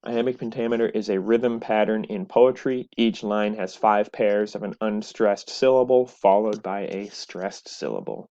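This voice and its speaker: A man's voice: fairly low pitch, steady tone, moderate pace, hardly any pauses, warm tone, highs cut off. A man teaching a recorded classroom lecture, explaining step by step and checking in with "right?". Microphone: webcam.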